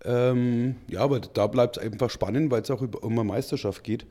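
A man's voice: medium pitch, moderate pace, dark tone. A middle-aged man co-hosting a German football podcast in casual chat, rambling and chatty with frequent fillers. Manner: rambling, chatty, says "ich sag mal" a lot. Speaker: podcast co-host.

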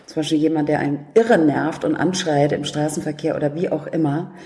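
A woman author and coach telling lively anecdotes in casual talk, acting out quotes with laughs. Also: low-pitched, a little fast. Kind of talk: casual storytelling in a talk show. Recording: roomy echo.

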